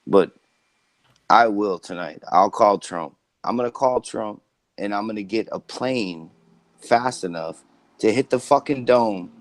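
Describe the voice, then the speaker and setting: A man's voice: on the low side, unhurried, no room sound. A man on a phone call ranting in a sarcastic, profane, exasperated way. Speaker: prank caller and channel host. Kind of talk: trolling phone call rant.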